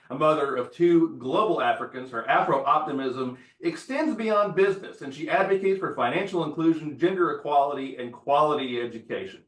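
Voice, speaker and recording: A man's voice: fairly high pitch, fairly bright tone. Upbeat guy hosting, kinda far from the mic, roomy echo. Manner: upbeat, welcoming. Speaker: podcast host. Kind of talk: hosted interview.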